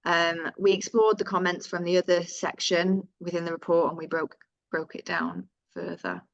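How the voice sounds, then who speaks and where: A woman's voice: on the low side, moderate pace, vocal fry, no room sound, highs cut off. A woman with a Northern English accent presenting survey findings in a webinar, reading out figures with fillers and self-corrections.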